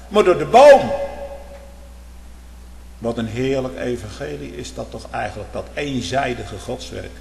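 Fervent preacher man in an echoey hall. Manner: fervent, swings from loud outbursts to low murmurs, rhetorical questions. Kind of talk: sermon. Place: church. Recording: echoey church hall, faint hum.

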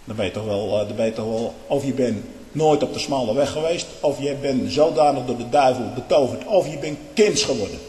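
A man preaching in an impassioned, emphatic way, jumping from loud outbursts to low, muttered asides. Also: fairly quick. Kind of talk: impassioned sermon-style monologue. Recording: echoey hall with long reverb.

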